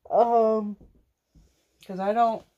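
A woman's voice: on the high side, steady tone, extremely slow, lo-fi sound. A young woman casually chatting about her crochet projects and family, rambling with frequent restarts. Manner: rambling, restarts often, yawning. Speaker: crochet vlogger. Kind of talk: casual chat.

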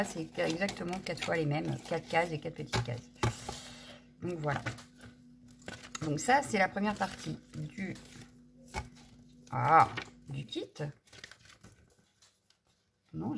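A woman's voice: lowish voice, vocal fry, background noise. A woman chatting casually through a craft haul, hesitant and full of fillers. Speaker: craft vlogger.

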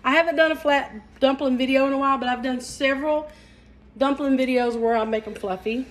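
Brisk and steady, a middle-aged woman with a high voice hosts a live cooking stream from her home kitchen. She's from the mountains of Southeast Kentucky, speaks with an Appalachian accent, and chats in a folksy manner, saying "y'all."

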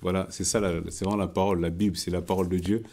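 A man's voice: low-pitched, level tone, rapid-fire, mellow. A man from France leading a Bible study, preaching informally and sharing a testimony, talking conversationally with frequent repeats and restarts.

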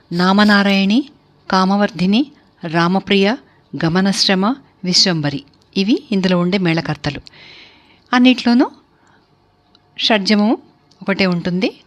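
A woman from India giving a spoken music theory lecture, explaining steadily and listing terms one by one. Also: medium pitch.

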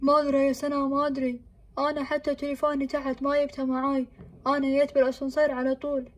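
A woman's voice: high voice, little pitch movement, muffled recording, close to an everyday voice. A woman voicing urgent father Abu Salem. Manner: hurried commands.

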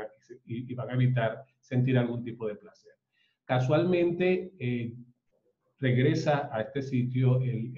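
Halting man reflecting on a film, roomy. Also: medium pitch. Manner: halting, repeats words while searching for them. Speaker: host discussing a film. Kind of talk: spoken film commentary and reflection. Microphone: online live stream. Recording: roomy, dull lo-fi sound.

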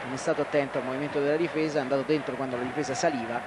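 His mid-range voice racing along with fairly even intonation, a man gives live football commentary. He names the players in quick, clipped bursts as the ball moves between them. Loud outdoor stadium sound fills this old broadcast.

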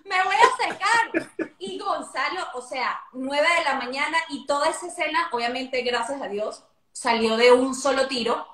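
An actress telling a story in a casual live-stream chat, animated and swearing casually. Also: female voice, sits high, moderate pace, roomy sound. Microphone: phone on a live video stream.

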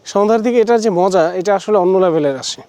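High, mellow-voiced man touring a forest. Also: fast talker. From Bangladesh. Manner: chatty, mixes in English words, corrects himself mid-sentence. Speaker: travel vlogger. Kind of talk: casual walking-tour vlog. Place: outdoors at a forest riverside resort.

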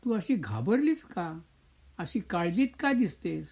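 An older man voicing a caring grown daughter in a storybook, speaking in a gentle, reassuring way. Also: high-pitched, very animated, unhurried, gravelly, husky, exaggerated voice.

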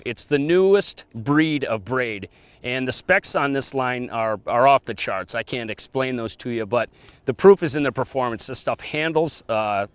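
On a fishing show, a man with a medium-pitched, slightly bright voice demonstrates technique and chats in a folksy, colloquial way. He's out on a boat on an open lake, with music playing in the background.

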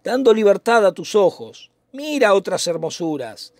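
A man reading the part of a calm, concerned young cousin in a dramatic reading of a play, earnest and advising. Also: high voice, normal speed, dry recording, voice pushed up.

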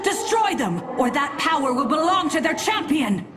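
A haughty female warlord from an alien world in a video game. Her voice sits a little high and is grand and contemptuous. Loud music plays behind her orders. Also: big pitch swings, moderate pace. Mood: commanding, vengeful. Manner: grand, commanding, disdainful. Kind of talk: video game dramatic voice acting.

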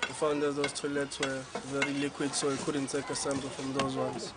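Flat-voiced man explaining outdoors. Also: medium pitch, normal speed, very noisy. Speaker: field researcher. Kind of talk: on-site explanation. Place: outdoors at a field site.

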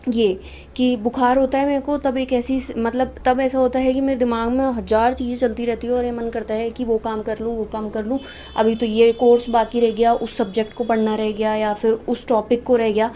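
Speaking at a moderate pace in a high-leaning, level and mellow voice, an Indian-accented woman teaches homeopathy conversationally. She reads notes aloud, explains them and keeps asking "okay." The home-made screen-recording voiceover is noisy, with clear background noise.

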